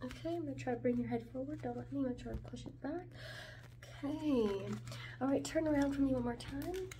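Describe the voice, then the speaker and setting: A woman in a soft ASMR ASMR role-play, playing a suspicious airport security officer who gives procedural, repeated instructions. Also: sits high, quick pace, lightly acted. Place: small room at home, indoors. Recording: distant mic, clear background noise, clicks.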